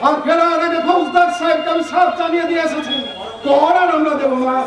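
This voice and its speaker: A man's voice: very high-pitched, fairly even intonation, a little fast, a loud crowd. A man playing a principled young landlord in historical folk theatre, proclaiming his words with resolute defiance. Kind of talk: loud declamatory Bengali jatra stage acting. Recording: very echoey stage, distant microphone.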